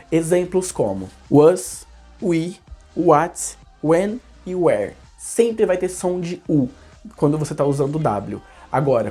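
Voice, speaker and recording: A man's voice: on the high side, a little mellow, husky. A man giving a casual online English lesson, explaining in a rambling way and often correcting himself mid-sentence.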